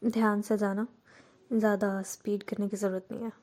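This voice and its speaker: A woman's voice: mid-range voice, flat delivery, natural voice. Woman doing a blunt, shy young woman. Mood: curt. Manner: curt, brisk, sometimes hushed.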